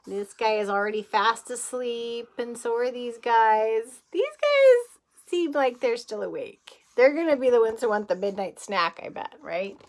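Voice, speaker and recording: With a voice on the high side and an animated manner, a woman kindergarten teacher reads a rhyming picture book slowly and sing-song, breaking off to ask the kids gentle questions.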